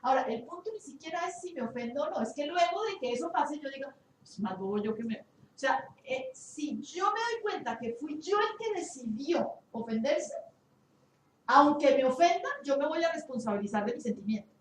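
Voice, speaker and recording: A woman with a fairly high voice tells the group a story. She hesitates and hunts for words as she goes. She is heard from across an echoey room with faint hiss. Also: expressive, distant mic. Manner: halting, searches for words. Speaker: workshop participant. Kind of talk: retelling an anecdote in class.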